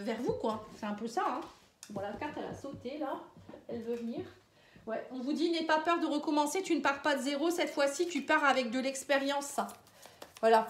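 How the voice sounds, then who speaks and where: A woman's voice: a little high, roomy sound, slight background noise. A woman giving a casual spoken tarot and horoscope reading, talking straight to the viewer, hesitant and full of fillers. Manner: speaks directly and familiarly to the viewer. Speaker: astrology and tarot reader.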